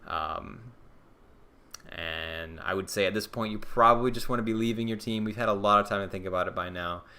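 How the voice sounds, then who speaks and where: A young man with a lowish voice chats on a live stream, answering viewers. He thinks aloud in a loose, casual way, full of ums and restarts. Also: brisk, pushed and bright. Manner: casual, answers viewer questions, many fillers. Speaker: fantasy football streamer.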